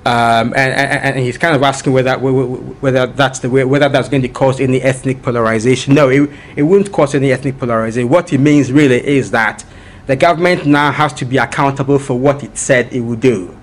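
A man's voice: medium pitch, brisk. Emphatic man explaining at a public talk. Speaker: guest speaker answering audience questions.

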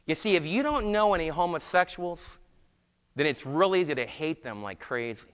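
A middle-aged male pastor delivers a sermon with a fairly high voice. He moves between loud, pressing emphasis and hushed, quiet lines, and he voices the quoted conversations himself. A long hall reverb trails his words. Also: animated, moderate pace, clear, resonant tone. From New York. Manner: acts out quoted dialogue in his own voice.

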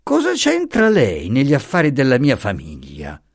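A proud, frosty marchesa, performed by a male reader, who lifts his voice only a little for her. She speaks slowly, curtly and dismissively, her words husky and dry in a close recording. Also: mid-range voice, wildly swooping pitch, no echo, voice pushed up, exaggerated voice. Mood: cold disdain. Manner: curt, dismissive, slow and deliberate. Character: haughty, cold noblewoman, a marchesa.

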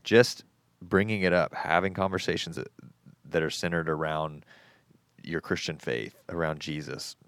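A man's voice: deep voice, steady tone, normal speed, a bit bright, no room sound. A man hosting a podcast, talking in an earnest, reflective way with frequent restarts. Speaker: podcast host. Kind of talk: casual podcast conversation.

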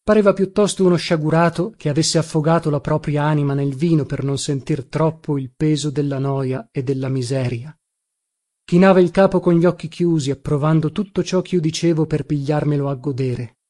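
A man reading a literary novel aloud in a measured, unhurried manner. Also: a little high, dark tone. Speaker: audiobook narrator. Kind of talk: scripted literary narration.

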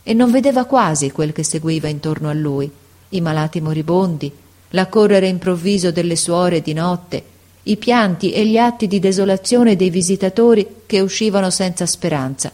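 A woman narrating a classic story as an audiobook, in a measured, sorrowful manner. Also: lowish voice, a little mellow.

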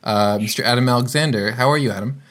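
A man's voice: mid-range voice, fast talker, a bit bright. A man hosts a casual music podcast in a mid-range voice. He talks in an upbeat, chatty way, with fillers as he introduces his guests. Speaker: podcast host.

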